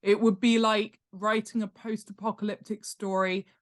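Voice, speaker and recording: Here a middle-aged guest author, an expert in world-building, talks at a moderate pace in a mid-range voice. She explains informally with lively emphasis, regularly asking "right?" or "okay?" during the interview.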